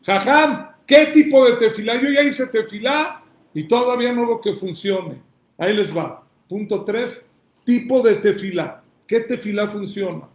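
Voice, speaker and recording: Male rabbi, fiery question-and-answer sermon delivery, high-pitched, recorded in a reverberant room. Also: animated, a little slow. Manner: emphatic preacher, asks and answers his own questions, shouts calls to God.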